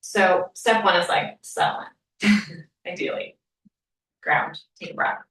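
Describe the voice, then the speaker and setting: A woman leading a somatic wellness workshop for a live group, speaking gently and often dropping to a near-whisper. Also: lowish voice, slow pace. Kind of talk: workshop teaching and Q&A. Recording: echoey room, mic far off.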